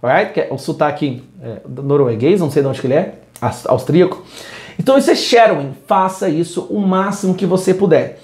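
A man's voice: fairly high pitch, expressive, fairly quick, a little mellow, echoey room. A man teaching an English lesson, moving between English and Portuguese in an upbeat, direct way. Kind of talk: video lesson.

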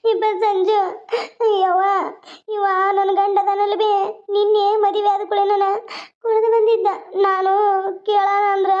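A woman's voice: very high voice, flat delivery, moderate pace, long pauses, lo-fi sound. A woman voicing a tearful, defiant young village bride who complains and pleads. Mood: complaining.

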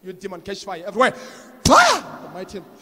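A young man leading a deliverance, firing insistent repeated questions and commanding shouts into a handheld mic. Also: sits high, wildly swooping pitch, fairly quick. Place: large church hall. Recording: long hall reverb, faint background noise.

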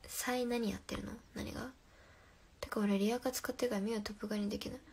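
A woman's voice: medium pitch, steady tone, fast, creaky, noisy background. A young woman hosting a casual phone livestream, reading viewer comments aloud and answering playfully, often dropping to a whisper. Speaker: livestream host.

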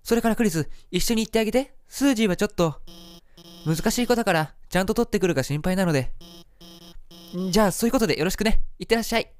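A man's voice: high voice, animated, fast, faint music behind, voice pushed up. A man voicing a timid, polite female monster teacher who sounds a little flustered.

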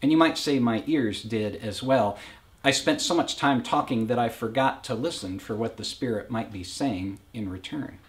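A man preaching a reflective, personal sermon in a measured way, as pastor of a faith community. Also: medium pitch.

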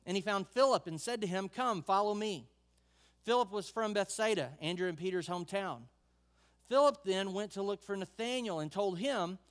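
A man's voice: a little high, a bit bright. A male pastor preaching a sermon in a conversational way, reading scripture and adding asides.

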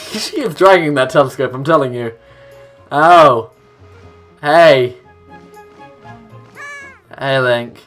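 His mid-range voice is slightly bright and slow, broken by long pauses, as the young adult narrates a casual let's play, voicing game text and adding asides. The setting is a small indoor room at home, with plucked-guitar game music in the background.

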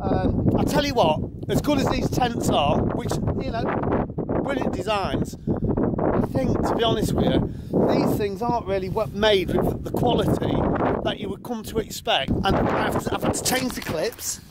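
Middle-aged male hiker-vlogger, high voice, chatty and exclamatory, recorded at arm's length outdoors with heavy wind noise. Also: moderate pace. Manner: chatty, exclaiming, laughing asides. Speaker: hiking vlogger. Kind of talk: casual outdoor vlog chat. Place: windy open hilltop outdoors. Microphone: handheld camera at arm's length. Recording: loud wind buffeting the mic.

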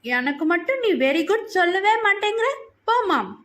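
A sulky little girl from a storybook reading, high and bright, whining in halting bursts, as a woman narrator puts her on. Her voice sits well above an adult's and wavers as she complains. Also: animated. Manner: whiny, halting childish speech. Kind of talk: audiobook character voice.

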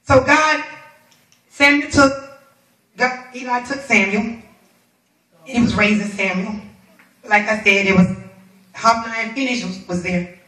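A high-pitched woman minister with a bright, forceful edge delivers a colloquial, animated sermon, laughing and drawing call-and-response from the pews. Her voice rings out in a roomy, echoing church, picked up from some distance away. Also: a little slow, pauses often. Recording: echoey room from far off.

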